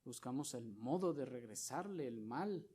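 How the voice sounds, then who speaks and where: A man preaching a sermon, putting rhetorical question after question to the congregation and swinging from loud stressed lines to quiet, low ones. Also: expressive, slightly rough. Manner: slow, deliberate delivery. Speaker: pastor.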